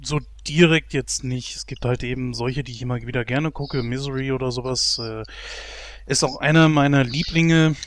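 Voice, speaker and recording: A man co-hosting a casual podcast, telling a story in a lively way. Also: medium pitch, moderate pace, no room sound. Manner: storytelling, animated when amused. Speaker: podcast co-host. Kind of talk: casual podcast chat about films.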